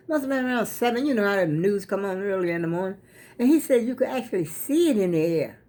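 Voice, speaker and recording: A woman's voice: medium pitch, warm tone. An American woman with plugged-up sinuses, chatting casually to her viewers in a folksy, rambling way. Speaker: vlogger. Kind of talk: casual chat vlog to viewers.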